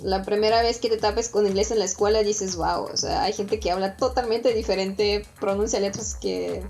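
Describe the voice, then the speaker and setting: A woman from Russia, a native Russian speaker, chatting as a podcast guest and telling lively stories with frequent laughs. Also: medium pitch, moderate pace, soft background music. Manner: lively storytelling, laughs often. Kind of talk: casual chat.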